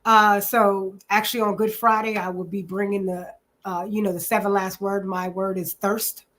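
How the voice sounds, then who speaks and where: A woman's voice: medium pitch, level tone, moderate pace, fairly bright tone. A woman in her forties from New Jersey, introducing herself in a casual interview, chatty and full of ums. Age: 40s. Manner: chatty, many ums, says "literally" often. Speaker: guest.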